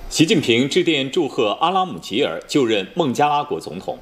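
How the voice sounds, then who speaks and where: A man with a standard mainland Mandarin accent reading the news as a formal, measured anchor. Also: mid-range voice, very animated. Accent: standard mainland Chinese Mandarin.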